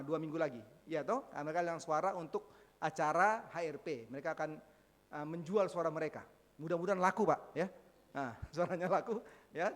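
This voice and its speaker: A man giving church announcements to his congregation, an animated storyteller who keeps addressing them directly. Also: on the high side. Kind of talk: church announcements with a told anecdote. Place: church hall. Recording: long hall reverb.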